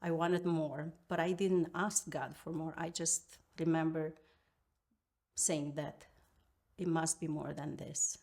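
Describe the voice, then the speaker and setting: A Romanian woman in her fifties, with a Romanian accent, tells her life story as an interview guest, halting and reflective with many pauses. Her voice is low, slightly mellow, and steady in tone.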